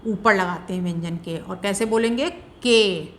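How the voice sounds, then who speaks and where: A woman teaching grammar in a patient, deliberate way, sounding out syllables one by one. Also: mid-range voice, a little hiss or hum. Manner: patient, repeats syllables slowly and drawn out for pronunciation. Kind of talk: slow, deliberate classroom explanation.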